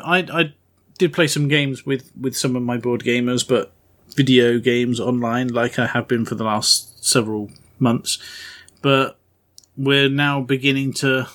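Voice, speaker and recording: A man's voice: medium pitch, a bit bright. A man in his forties chatting casually as a co-host, self-deprecating and laughing at his own jokes. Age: 40s. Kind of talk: casual chat.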